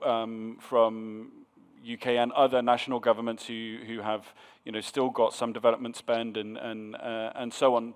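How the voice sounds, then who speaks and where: A man's voice: medium pitch, clean tone. Hesitant man moderating a panel. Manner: hesitant, repeats words while thinking. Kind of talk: panel discussion.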